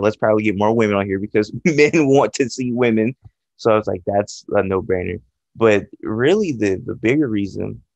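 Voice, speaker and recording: A man who runs a video channel, talking reflectively and explaining himself in an earnest, halting way. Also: fairly low pitch, gravelly, a little mellow, no echo, muffled recording. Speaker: video channel creator and interviewer. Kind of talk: reflective interview talk.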